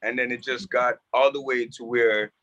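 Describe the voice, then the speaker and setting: Bright-voiced animated man. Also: mid-range voice, moderate pace, dull audio. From Jamaica. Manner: animated storytelling. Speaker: music producer. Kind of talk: casual conversation. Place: rehearsal building.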